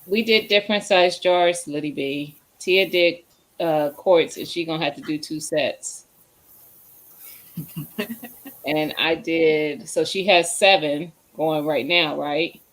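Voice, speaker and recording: A woman's voice: deep voice, steady tone, takes it slowly, a bit bright. A woman hosting a casual livestream, chatting with viewers by name and rummaging around her kitchen as she talks. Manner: chatty, greets viewers by name, searches while talking. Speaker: livestream host.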